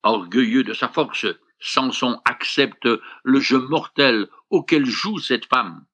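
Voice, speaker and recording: A man reading a Bible passage aloud and stopping to explain it in a measured, explanatory way. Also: medium pitch, sharp tone. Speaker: Bible reader and commentator. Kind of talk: reading scripture with commentary.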